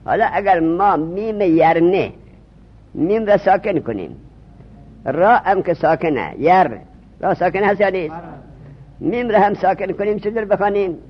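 A man's voice: high-pitched, expressive, pauses often. A man teaching a religious studies class, repeating key terms and quizzing his students with questions. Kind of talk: classroom lesson. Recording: dull lo-fi recording.

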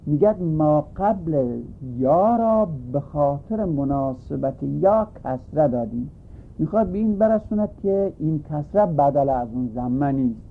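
A man's voice: fairly high pitch, expressive, creaky, slightly rough. A man teaching a grammar lesson, patiently explaining a text and repeating each point in new words. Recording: tinny phone-like recording.

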